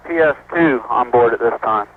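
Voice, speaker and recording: Phone-like astronaut radio, faint hum, man, middle pitch, procedural call-outs. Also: normal speed. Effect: radio transmission.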